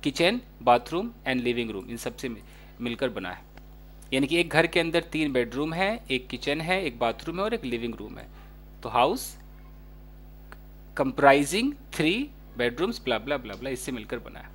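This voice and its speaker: A man with an Indian accent teaching English words to learners, explaining each one in a casual way with many examples and reading English phrases out slowly. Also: medium pitch, very animated, a bit bright, a little hiss or hum.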